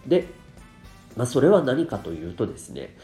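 A man's voice: mid-range voice, wildly swooping pitch, moderate pace, mellow. A man with a congested, nasal voice, talking politely and explaining things to listeners as a solo podcast host. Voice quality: nasal, stuffed-up voice. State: congested from rhinitis and dust. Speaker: podcast host and parenting coach. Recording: roomy, echoey sound with light music.

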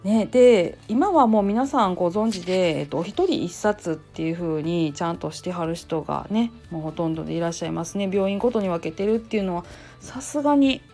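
A woman's voice: on the low side, a little fast, hardly any pauses, soft background music. A woman nurse hosting her own channel, talking casually in a Kansai accent, chatty and full of fillers. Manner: chatty, lively, hedging with fillers. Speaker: nurse and temple priest's wife, channel host. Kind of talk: casual solo talk.

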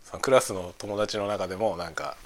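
A middle-aged man hosting a lunchtime chat talks casually as he eats, musing aloud in short phrases that trail away. His voice sits low and moves a little fast.

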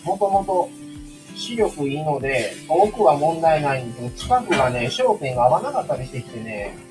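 A man's voice: on the high side, fairly quick, recorded from a distance, over music, poor audio. A man in his forties with a Kansai accent, co-hosting a casual livestream chat and talking politely with listeners. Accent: Kansai Japanese. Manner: relaxed, chatty, polite with listeners. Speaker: livestream co-host.

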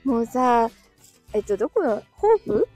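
A woman with a slightly high, warm voice hosts a casual live audio stream, reading out listener comments and thanking people. She talks at a normal speed with big pitch swings, chats and laughs a lot, and sounds dry in the throat, with faint music underneath.

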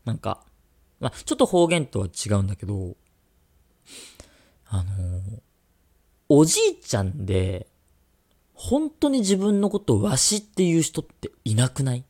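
A man chatting casually as co-host of a radio-style podcast, joking and teasing as he talks. His voice moves up and down a lot, with a gravelly edge of fry at the ends of phrases. It sits at an ordinary male pitch. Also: huge pitch swings, measured pace, long pauses, dark tone.

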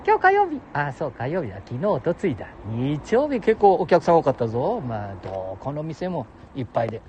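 Gruff older man, heavy ramble. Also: on the high side, very animated, brisk, hardly any pauses, warm tone, dull audio, a little hiss or hum. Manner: gruff, jokey, talks to listeners as "お前". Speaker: solo audio show host. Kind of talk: rambling casual monologue. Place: outdoors beside a public toilet.

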